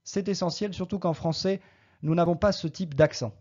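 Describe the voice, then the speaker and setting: A Latin teacher giving a recorded lesson, slowly modelling each Latin word's pronunciation and then explaining it. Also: medium pitch, mellow, highs cut off.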